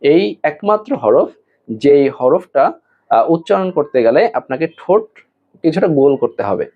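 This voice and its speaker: A male Quran teacher giving an online lesson, explaining how to pronounce Arabic letters slowly, with pauses and fillers, and drawing out the letters as examples. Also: fairly high pitch, animated. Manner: slow and deliberate, with hesitation fillers, drawn-out model pronunciations. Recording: tinny phone-like audio.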